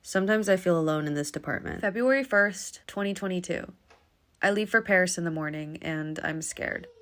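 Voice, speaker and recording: Quiet, low-voiced woman reading her diary. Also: fairly quick. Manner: quiet, subdued, confessional. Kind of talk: reading personal journal entries aloud.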